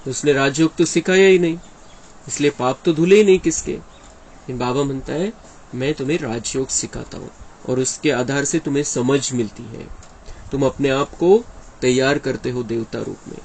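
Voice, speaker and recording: A man's voice: medium pitch, normal speed, darkish tone, a little hiss or hum, low-quality recording. A man giving an earnest devotional discourse, explaining and often quoting his teacher. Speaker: spiritual speaker explaining a daily discourse.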